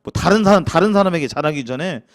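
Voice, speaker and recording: A man's voice: fairly high pitch, quick pace. A man with a Jeolla accent teaching a casual church Bible lecture, asking the class questions and acting out grumbling quotes. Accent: Jeolla Korean. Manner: lively, acts out grumbling quotes, chuckles, asks the class questions.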